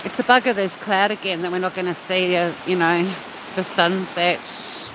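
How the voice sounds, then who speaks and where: This Australian woman has a fairly low voice and talks at a normal speed. She's a live stream host at the beach, bantering cheekily with viewers and replying to their comments, while heavy, constant wind or surf roars in the background.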